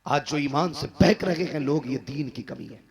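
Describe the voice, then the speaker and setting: A man preaching a fervent religious sermon, swinging from loud exhortation to low, earnest tones. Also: moderate pace, a crowd in the background. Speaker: Islamic preacher. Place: madrasa gathering.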